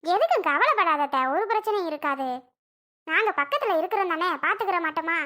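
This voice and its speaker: A woman's voice: extremely high pitch, animated, fast, pushed and bright, exaggerated voice. Woman voicing a soothing young village friend. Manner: coaxing, reassuring. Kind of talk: cartoon voice acting.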